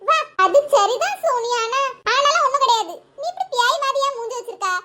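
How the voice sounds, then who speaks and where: A woman's voice: extremely high pitch, expressive, a little fast. A woman voicing a worried, chatty young village girl in a cartoon. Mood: fretful. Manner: fretful, teasing. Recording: loud background noise.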